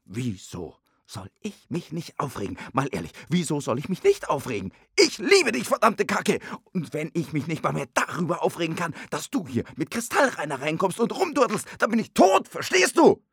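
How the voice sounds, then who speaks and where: A man's voice: mid-range voice, very animated, normal speed, hardly any pauses, breathy edge, no echo, studio quality. A man voicing a jealous young man who is hurt and rants, swearing, in an audiobook. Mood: furious. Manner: agitated, shouting, swearing.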